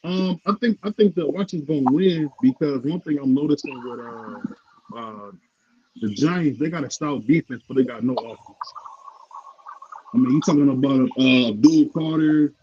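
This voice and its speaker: A man's voice: medium pitch, moderate pace. A man chatting casually in a sports-betting talk, his voice sounding muffled and underwater through his headset. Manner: laid-back, joking, trailing off mid-thought. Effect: muffled, underwater-sounding mic. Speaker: panelist calling in. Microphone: headset earphones on a call. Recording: dull muffled line with faint noise.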